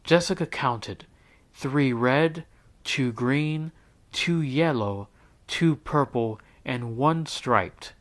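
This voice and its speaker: Acting as a teacher, a man reads a children's picture book aloud in an expressive storytelling style. His medium-pitched voice moves very slowly.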